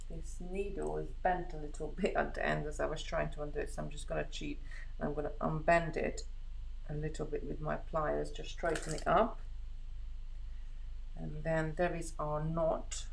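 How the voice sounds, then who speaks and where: A middle-aged Hungarian woman on a live craft stream speaks at a moderate pace in a low, creaky voice with little pitch movement, rambling and thinking aloud as she works with her hands. The audio is poor, with a little hiss or hum.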